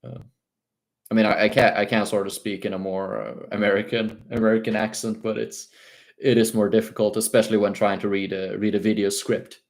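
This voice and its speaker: A young Swedish man speaks English with a light British lean over his Swedish accent, in a slightly low voice. He answers viewer questions on a casual livestream, pausing often with ums and uhs and restarting his sentences. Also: level tone, gravelly. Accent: Swedish-tinged British English. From Sweden. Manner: hesitant, many fillers and restarts.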